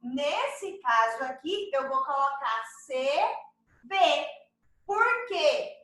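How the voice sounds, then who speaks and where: High, bright Brazilian teacher in an echoey room. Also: female voice, sing-song, extremely slow. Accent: Brazilian Portuguese. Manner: patient, checks understanding with the children often; refers to herself as "tia" to the kids. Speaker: primary school teacher. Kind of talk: remote lesson explaining a workbook exercise.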